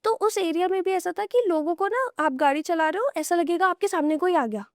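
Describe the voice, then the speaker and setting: Her pitch is extremely high and her intonation lively as she briskly tells horror stories on a podcast. A young woman and guest storyteller, she keeps it casual and invites listeners into imagined scenarios, recorded with studio quality and no room sound.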